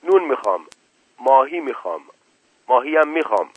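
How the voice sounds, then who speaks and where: A man's voice: medium pitch, big pitch swings, slightly rough, dry recording, voice pushed up. Man doing a weak pleading stranger. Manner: simple, pleading. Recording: tinny lo-fi radio broadcast.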